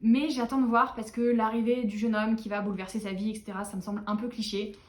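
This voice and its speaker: Chatting casually to the camera about books, a young female book vlogger is animated, talkative and quick to make fun of herself. Her fairly high voice carries a slight tiredness, and the room has a noticeable echo.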